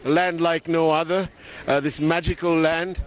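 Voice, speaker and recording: A man's voice: on the high side, fairly even intonation, unhurried, low-quality recording. A man reporting live from a city street and interviewing passersby, talking casually with many fillers. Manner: conversational, frequent fillers. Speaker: news reporter. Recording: outdoor street with traffic noise.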